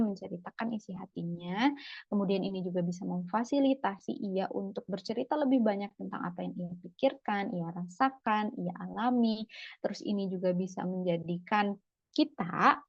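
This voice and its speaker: A woman's voice: medium pitch, vocal fry, no room sound. A woman clinical psychologist giving a casual talk, chatty, often tagging phrases with "gitu ya" and acting out short examples. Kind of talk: casual lecture with acted examples. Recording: dull lo-fi sound, dry.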